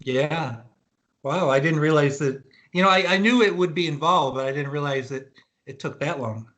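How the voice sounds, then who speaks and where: A man interviewing a guest, agreeing warmly and asking questions about his work. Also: on the high side, normal speed. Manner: friendly, agreeable, asks questions.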